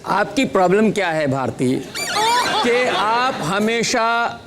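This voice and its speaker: A man's voice: sits high, sing-song, slow, a crowd in the background, noisy background, heavily acted. A man playing a self-important male film critic who argues with the host on a comedy stage. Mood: pompous. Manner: pompous, argumentative. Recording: live studio with music and audience.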